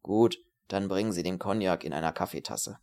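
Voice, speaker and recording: A man voicing a terse, grim male refugee, speaking a bit lower than his narration, with a dry clipped manner. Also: brisk, a little mellow.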